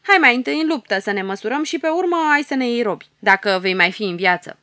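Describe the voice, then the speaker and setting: A woman's voice: on the high side, lively intonation, pushed and bright, no echo, studio quality. Woman doing a defiant little dwarf. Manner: defiant, taunting. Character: small brave dwarf, male, defiant.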